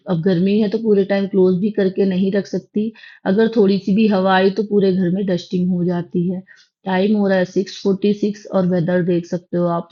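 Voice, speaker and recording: Young woman, homely home-vlog narrator, level delivery, muffled lo-fi recording. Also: mid-range voice. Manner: chatty, homely, talks straight to viewers. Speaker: vlogger, mother.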